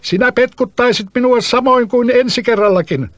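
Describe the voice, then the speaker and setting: A man's voice: very high voice, dry recording, voice pushed up. A man voicing a clever, bold young boy, answering eagerly and with self-assurance in a storybook reading. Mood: defiant.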